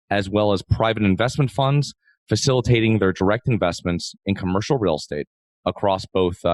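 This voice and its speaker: A man's voice: on the low side, dry recording, low-quality recording. A man hosting an interview podcast, giving introductions and asking questions. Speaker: podcast host.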